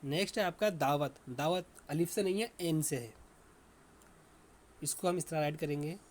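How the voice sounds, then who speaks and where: Male teacher, slightly high voice, slow repetitive dictation for a children's lesson.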